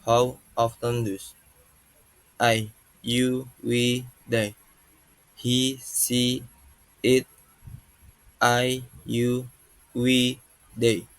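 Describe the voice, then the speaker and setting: A man reads an English grammar lesson as a student presenter. He goes very slowly and halts word by word. His voice stays almost completely flat, and the sound is dry and close. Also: medium pitch, no echo, poor audio. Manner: halting, word-by-word delivery.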